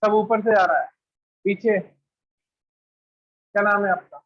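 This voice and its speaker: A man's voice: high voice, slow pace, muffled recording. A man teaching chemistry to a classroom of students, quizzing them with repeated questions and rattling off lists of elements at speed. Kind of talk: classroom lecture.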